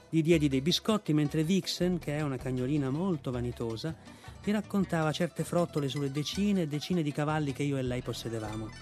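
A man narrating an audiobook in a measured storytelling manner. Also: fairly high pitch, darkish tone. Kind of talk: audiobook reading.

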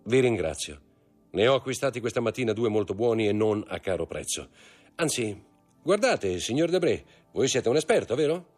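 A man's voice: lowish voice, sing-song, a little mellow, soft background music, voice pushed up. Man playing a composed enigmatic count. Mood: courteous. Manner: courteous, measured, commanding to servants. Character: composed, enigmatic wealthy nobleman. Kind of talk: audiobook character voice.

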